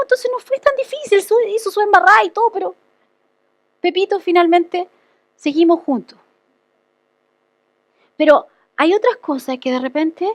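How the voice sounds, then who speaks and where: A woman's voice: high-pitched, no room sound. A woman pastor giving a conversational testimony sermon, telling a personal story and often checking in with the congregation.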